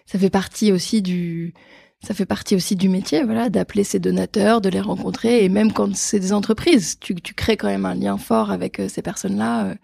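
A woman talks as a podcast guest about her fundraising work. Her voice has a gravelly edge, and she often pauses on fillers. The recording is dry and close. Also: medium pitch, steady tone, warm tone, no room sound. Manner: hesitant, many fillers. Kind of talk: casual interview.

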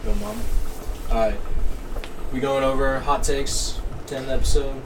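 A man's voice: medium pitch, lively intonation, a little slow. A young American man chatting casually about sports in laid-back frat-bro slang. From United States, Midwest. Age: young adult. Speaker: sports podcast co-host. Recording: clearly noisy room.

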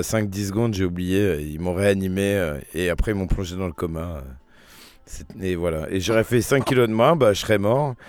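A man's voice: lowish voice, dry recording. Slangy young man telling a rambling story. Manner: slangy, rambling anecdote with filler words. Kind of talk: casual storytelling.

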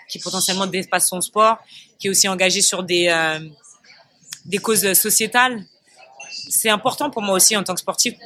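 A man with a high and bright voice is chatting as an athlete guest. He speaks thoughtfully and searches for his words as he goes. The conversation is relaxed and unscripted. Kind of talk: casual interview chat.

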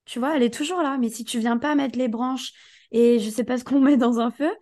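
A hoarse woman who has partly lost her voice, co-hosting a casual motivational podcast and coaching the listener with emphatic, direct talk. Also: on the high side, fairly even intonation, fairly quick, crowd noise. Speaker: podcast co-host.

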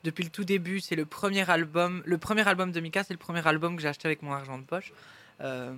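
A man's voice: a little high, steady tone, fast talker, sharp tone. A man, chatting as a guest singer in an interview in a restaurant, enthusiastic and rambling with many restarts. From Belgium. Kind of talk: casual interview chat.

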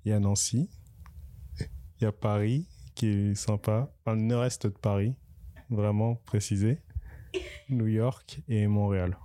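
A man's voice: lowish voice, steady tone, unhurried, long pauses, dark tone, no room sound. A man hosting a podcast interview, playful and joking, with hesitant fillers. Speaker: podcast host. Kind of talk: casual interview chat.

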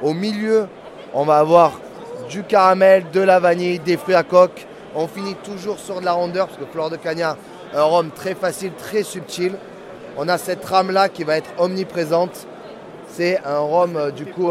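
A man with a Marseille accent presents his product at a fair stand, talking quickly and with assurance. His voice sits a little high. A loud crowd of visitors is heard all around him. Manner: fast, assured sales pitch. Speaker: brand ambassador. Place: indoor rum fair.

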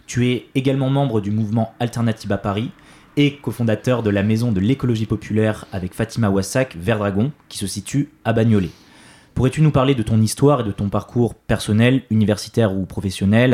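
Fast, mellow-voiced podcast host. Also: male voice, on the low side, fairly even intonation. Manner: reads a prepared introduction with some fillers. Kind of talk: interview introduction.

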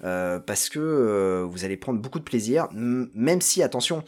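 A man's voice: mid-range voice, lively intonation, normal speed. A man talking casually on a podcast as a panelist, presenting a TV series with many hesitations and filler sounds.

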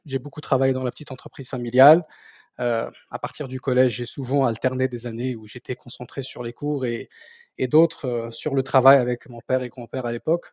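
A southern Moroccan man in his thirties, native Berber speaker and company founder, appears as a podcast guest in a casual interview about his life. His medium-pitched, darkish voice stays steady at a fairly quick pace, with a dry sound and no echo. He speaks hesitantly, repeating words while searching for phrasing.

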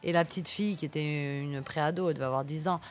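A young woman speaks in a somewhat low register, relaxed and chatty as she answers an interviewer. She tells her stories at an easy pace in a casual, friendly way. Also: fast, slight background noise. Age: young adult. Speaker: guest, farm-tourism entrepreneur and singer.

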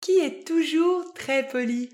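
A woman voicing a cheerful, gentle little boy in a children's storybook, with a bright, eager delivery. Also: high voice, takes it slowly, pitched above the performer's own voice. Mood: playful.

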